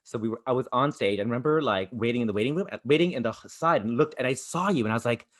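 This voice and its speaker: A man's voice: medium pitch, very fast. A man hosting a podcast in casual chat, telling stories eagerly and chattily. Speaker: podcast host.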